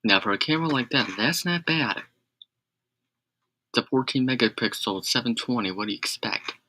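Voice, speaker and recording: A man's voice: medium pitch, expressive, moderate pace, sharp tone, a little hiss or hum. A man rambling on a casual live stream, correcting himself and adding sarcastic asides.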